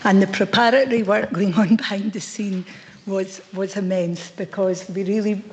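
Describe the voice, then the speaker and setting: A woman's voice: mid-range voice, fairly even intonation, normal speed, poor audio. A middle-aged Scottish woman, an outgoing chief officer, giving a heartfelt, reflective farewell speech to a board in a council chamber.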